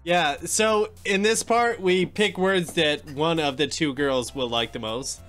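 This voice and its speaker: A man's voice: a little high, measured pace, fairly bright tone, soft background music. A man bantering casually as he co-hosts a visual novel playthrough, with a teasing manner. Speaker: let's player, co-host.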